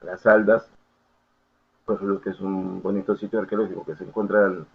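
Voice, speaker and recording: Male lecturer, patient and explanatory, keeps checking students follow; lowish voice, tinny lo-fi recording. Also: level tone, fast, creaky, slight background noise. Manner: explanatory, full of checking questions and fillers. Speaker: university lecturer. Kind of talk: academic lecture. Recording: tinny phone-like audio.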